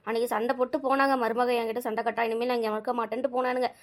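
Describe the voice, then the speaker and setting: A woman's voice: a little high, fairly even intonation, rapid-fire, close to an everyday voice. A woman voicing a sorrowful old village grandmother who talks in a plaintive, complaining way.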